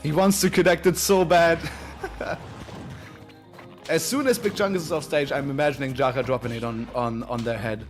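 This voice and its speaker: A man calling play-by-play for an online fighting-game tournament in an energetic way, with frequent fillers. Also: a little high, moderate pace, long pauses, soft background music. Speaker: play-by-play commentator. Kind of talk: esports commentary.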